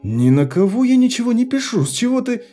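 A man reading an audiobook, voicing a frightened, angry young woman who answers in sharp, indignant retorts. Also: very high-pitched, sing-song, brisk, faint music behind, voice pushed up.

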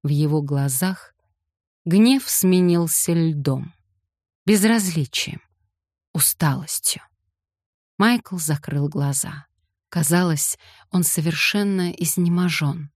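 A woman giving a slow, dramatic audiobook narration. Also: low-pitched, darkish tone, no room sound, studio quality. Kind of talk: scripted narration.

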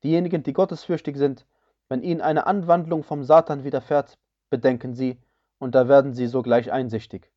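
A man reading a scripture translation aloud in a measured, solemn way, each phrase evenly paced. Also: mid-range voice, steady tone, dull audio.

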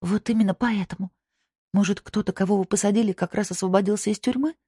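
A narrator voicing a frightened young woman held captive, who speaks tensely and accuses bluntly, with a husky tone in a dry recording. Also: mid-range voice, fairly even intonation, quick pace, dark tone, dry recording, voice pushed up, lightly acted.

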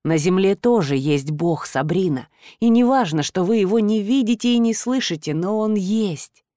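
A woman reading an audiobook, voicing a weary, regretful ancient male god who speaks in a measured, low, tired way. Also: animated, warm tone, no echo, studio quality, natural voice. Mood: explaining.

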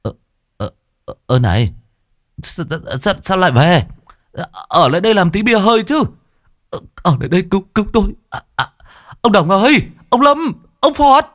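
A man's voice: high voice, sing-song, normal speed, pauses often, fairly bright tone, no room sound, clean studio sound, pitched above the performer's own voice. A man doing a stammering panicky young man. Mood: panicked. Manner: stammering, pleading.

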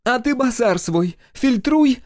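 A man's voice: fairly high pitch, lively intonation, moderate pace, dark tone, no echo, studio quality, pitched above the performer's own voice, lightly acted. A man voicing a hot-tempered young woman fighter, snapping and scornful, in an audiobook. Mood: furious. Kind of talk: audiobook character voice.

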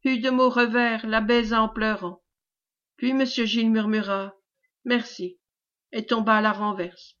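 Brief: woman audiobook reader, measured classic-novel narration, higher voice, muffled recording. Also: fairly even intonation, fairly bright tone. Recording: dull lo-fi recording.

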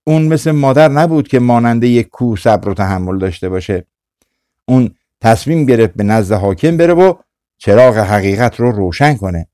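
A man narrates an old folktale in a calm, measured way. His voice is warm and mellow, sitting at an ordinary middle pitch. The recording is dry and close, with no room sound around it. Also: no echo. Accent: Persian. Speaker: audiobook narrator. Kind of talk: scripted storytelling narration.

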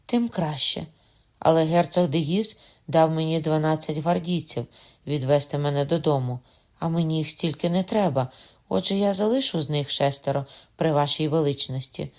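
An eager young countess calling out breathlessly, as a male reader puts her on, pitched well above his usual register and spoken loud. A gravelly rasp stays under the raised voice. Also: normal speed, lightly acted. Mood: relieved. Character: excited young countess, breathless lady-in-waiting.

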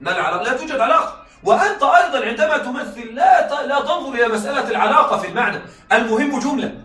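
A man teaching a class, often checking that students follow, repeating key points and reading examples slowly. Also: extremely high pitch, animated, pushed and bright, echoey room, distant mic. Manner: reads examples slowly and deliberately. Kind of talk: classroom lecture.

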